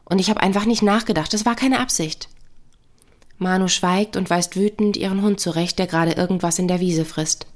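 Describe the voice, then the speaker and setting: A woman who works as a counselor and couple therapist, talking calmly and reflectively in a podcast monologue. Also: fairly low pitch. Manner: calm, measured, reflective.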